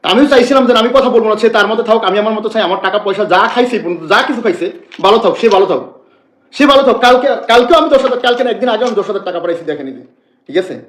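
A man's voice: sits high, lively intonation, racing, roomy sound. A man, speaking on a live stream in an agitated, repetitive, rambling way. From Bangladesh. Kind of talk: emotional live-stream complaint.

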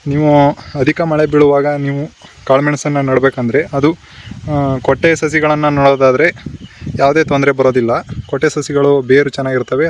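A man's voice: mid-range voice, dull audio, slight background noise. A man from Karnataka hosting a farming channel, talking loosely through plantation tips with fillers and restarts, outdoors on a plantation. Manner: unscripted, many fillers and restarts. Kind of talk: casual farming how-to talk.

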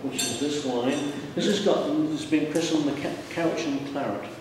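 Here the older man who owns and makes wine at the winery sounds a little high, speaking at a moderate pace over a noisy background. Blunt and emphatic, he often repeats words while thinking during the casual interview. The large indoor tasting room echoes, and the handheld mic with a wide camera picks him up from far away.

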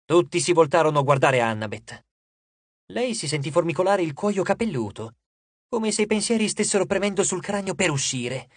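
Husky male audiobook narrator. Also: high-pitched, lively intonation, normal speed, dry recording. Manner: reads expressively, shifting voice for each character. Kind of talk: audiobook reading with character voices.

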